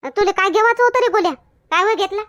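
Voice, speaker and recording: Woman, very high voice, bright and sharp, scolding and chatty, village comedy skit. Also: quick pace. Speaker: comedy sketch actor.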